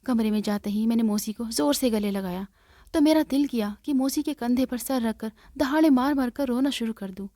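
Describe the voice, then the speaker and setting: A woman telling a story in the first person, earnest and plaintive, with a warm, mellow tone. Her voice sits fairly high, and the recording is dry and close. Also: dry recording.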